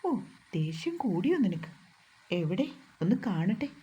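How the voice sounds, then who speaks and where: A woman reading out a cocky young husband who bosses and teases with a mock-stern edge. The voice is mellow and a little breathy, and it stays close to the reader's own. It is part of a storybook narration. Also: on the low side, big pitch swings, a little slow, full character voice. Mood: teasing. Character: bold, teasing young husband.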